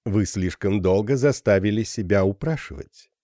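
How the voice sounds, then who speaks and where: A man playing a vain, gallant young army captain who speaks loudly and patronisingly. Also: lowish voice, normal speed, no room sound, studio quality, natural voice. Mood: gallant, swaggering. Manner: loud, jovial, patronising.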